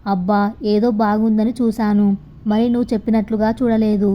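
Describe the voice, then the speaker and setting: A woman's voice: mid-range voice, flat delivery, brisk, mellow, lightly acted. A woman voicing a coaxing young man. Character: young man, defensive and teasing boyfriend.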